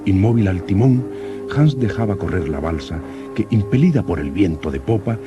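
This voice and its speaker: An actor playing an earnest, curious young explorer who narrates his expedition diary like an old radio serial announcer, in formal, measured diction. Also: low voice, expressive, dull audio. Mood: earnest narration. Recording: old radio drama with music.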